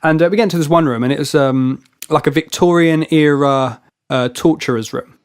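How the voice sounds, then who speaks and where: A man's voice: on the high side, fairly quick, smooth. A young man, a podcast co-host, rambling through a story in casual chat and swearing freely.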